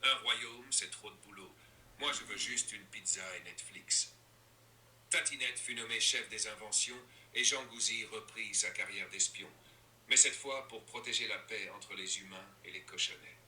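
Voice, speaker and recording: A man's voice from an AI assistant, narrating silly stories with lively, theatrical jumps in pitch. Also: moderate pace, a little hiss or hum. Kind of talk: storytelling narration.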